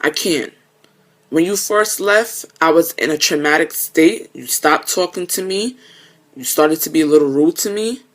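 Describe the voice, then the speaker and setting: A woman speaking to camera in an emotional confessional video message, earnest and halting, often stumbling over her words. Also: low-pitched. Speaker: vlogger.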